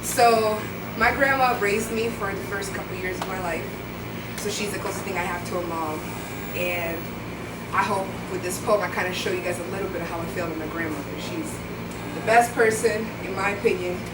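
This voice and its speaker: A woman's voice: medium pitch, steady tone, a little fast, heavy background noise. A woman in her twenties from Rwanda, performing spoken word poetry live with an earnest, rhythmic delivery that builds through repetition. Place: indoor live venue. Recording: echoey room, voice from far off, music behind.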